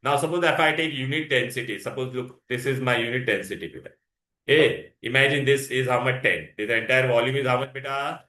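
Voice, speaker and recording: A man's voice: mid-range voice, bright, forceful tone. A man with an Indian accent teaching an interactive science lesson, mixing Hindi words into English and often asking questions to prompt answers. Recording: echoey, roomy sound.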